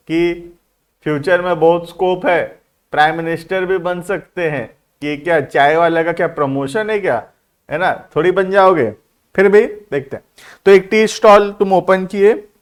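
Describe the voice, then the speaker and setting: Teasing male commerce teacher, slightly high voice. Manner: teasing, asks students rhetorical questions; explains in Hindi, mixing in English terms. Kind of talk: classroom lecture.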